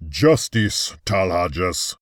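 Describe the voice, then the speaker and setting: A stern old alien chieftain speaks slowly in a deep, cold, hard voice, as a man voices him. The sound is dry and close. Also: big pitch swings, dry recording, full character voice.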